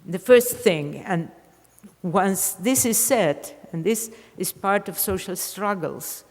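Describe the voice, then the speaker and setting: A woman's voice: mid-range voice, takes it slowly, long reverb tail. An older woman from Argentina, answering a question in an academic lecture, thinking aloud with frequent restarts and repeated words. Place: lecture hall.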